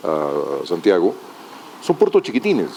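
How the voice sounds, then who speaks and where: A man's voice: low-pitched, huge pitch swings, measured pace, warm tone, slight background noise. A man speaking as a logistics panelist at a conference, earnest and emphatic. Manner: earnest, emphatic, uses diminutives.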